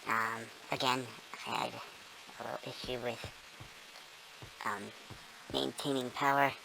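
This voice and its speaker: A gamer gives a casual, rambling tour of a build, full of ums and self-corrections, through a voice-morphing filter that makes them sound squeaky and small like a squirrel. The delivery is steady and a little slow, with a gravelly edge, and there's noise in the background.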